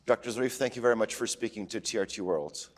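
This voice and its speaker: A man's voice: on the low side, quick pace, long reverb tail, very noisy. A man hosting a broadcast current-affairs interview, putting formal questions to a guest. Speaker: interviewer, TV host.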